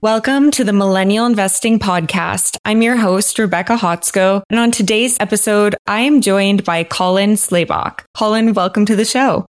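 Woman podcast host, upbeat friendly interviewer, smooth voice. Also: mid-range voice, moderate pace, few pauses, no echo, studio quality, faint music behind. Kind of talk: podcast hosting and scripted intro.

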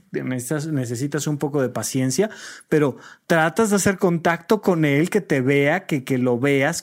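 A man with a Mexican accent, a doctor giving advice in an expressive, conversational way. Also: on the high side. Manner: conversational and expressive, acts out talking to children. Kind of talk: casual advice talk.

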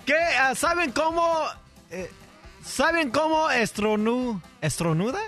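A man telling jokes on a radio comedy show, loud and excitable, stumbling over words. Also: very high voice, takes it slowly, faint music behind.

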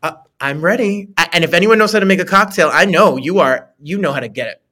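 Speaking fast and animatedly, a female interview host in her late thirties gushes with praise in a casual chat, frequently tripping over her words and restarting. Her pitch is fairly low, with a slightly bright tone.

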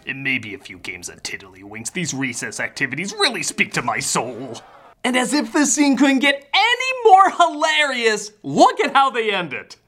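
A man's voice: high voice, huge pitch swings, normal speed, bright, forceful tone. A man giving a sarcastic comedic film review, jumping into exaggerated mock voices.

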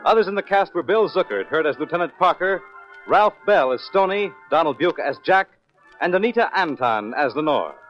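A man's voice: a little high, expressive, moderate pace. An American man in the formal, polished style of an old-time radio announcer, reading closing credits. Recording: dull old radio recording with music.

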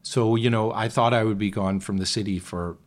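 A man talks casually as a guest, reflective and meandering, often breaking off and restarting his sentences. His voice sits very low and deep. He sounds like a musical theatre actor talking shop. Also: fairly even intonation, a little fast. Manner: reflective, rambling, with frequent restarts. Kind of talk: casual conversation.

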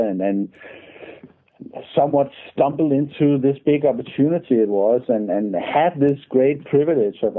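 A man in his forties from Denmark, speaking English with a Danish accent, a guest in a casual interview who repeats "and" a lot. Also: medium pitch. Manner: many repeated "and"s, restarts. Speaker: guest, company founder. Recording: tinny phone line.

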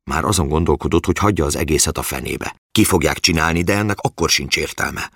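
A man narrating an audiobook in a measured, matter-of-fact way. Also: rumbling low, vocal fry, a bit bright, slightly rough, dry recording, studio quality.

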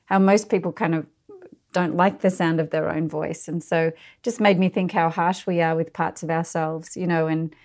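A woman co-hosting a spiritual conversation, gentle and affirming as she responds. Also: low-pitched, fairly even intonation, normal speed. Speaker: podcast co-host.

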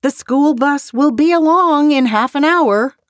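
An actress playing a practical, no-nonsense farm mother in an audiobook, brisk and commanding. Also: high voice, no room sound, studio quality. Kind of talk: audiobook full-cast character acting.

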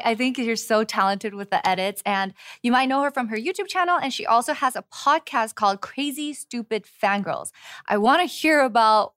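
A woman's voice: on the high side, a bit bright, no echo, studio quality. A woman hosting a podcast, chatting enthusiastically with a guest and filling her talk with casual "like"s. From Los Angeles, USA. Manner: chatty, enthusiastic, many likes. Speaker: podcast host. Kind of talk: casual chat.

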